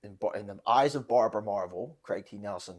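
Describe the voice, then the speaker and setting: A man's voice: lowish voice, brisk. A man hosting a podcast, chatting casually and telling stories in a rambling way, with frequent restarts. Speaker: podcast host.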